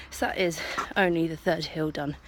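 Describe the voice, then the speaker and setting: A woman talking casually to her vlog while out running, out of breath between efforts. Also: low voice. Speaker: amateur runner vlogging. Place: outdoors on a hill. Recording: noisy outdoor background.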